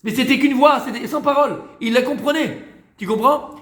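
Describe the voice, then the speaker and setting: A man with a very high-pitched, fairly bright voice talks fairly quickly, and the sound is roomy. He gives an informal Torah lesson in a loose, chatty way, repeating phrases, mixing in Hebrew words and stopping to quiz his listeners, who ask questions too. He sounds tired.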